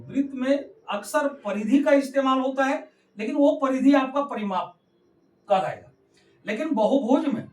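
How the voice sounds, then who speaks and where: Guy teaching math to kids, high voice, keeps saying the same thing twice, hindi accent, echoey room far from the mic. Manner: repetitive, addresses the kids constantly. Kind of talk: classroom lesson explanation. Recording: roomy, from a distance.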